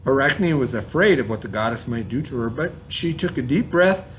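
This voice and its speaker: A man reads a story aloud to children and explains it informally, putting questions to his pupils as a kind of read-aloud lesson. His medium-pitched voice is expressive and a little fast, with slight background noise.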